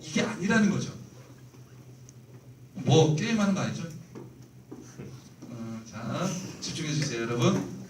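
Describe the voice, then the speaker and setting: A man lectures church youth leaders earnestly and fills his explanation with acted-out examples. His voice sits a bit high and moves very expressively. The echo of a roomy hall and a distant mic colour the sound, with faint noise underneath. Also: big pitch swings, measured pace, pauses often. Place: church meeting room.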